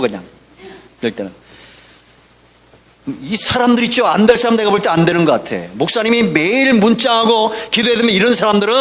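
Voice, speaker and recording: A man preaching a fiery sermon as pastor, breaking into shouted bursts and throwing rhetorical questions at the congregation. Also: very high-pitched. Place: church sanctuary.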